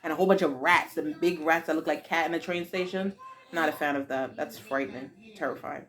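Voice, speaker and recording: In this clip, a Haitian-accented woman in her forties answers her daughter's questions. Her chat is casual and expressive, packed with dramatic exclamations, and her voice is low-pitched and fairly quick.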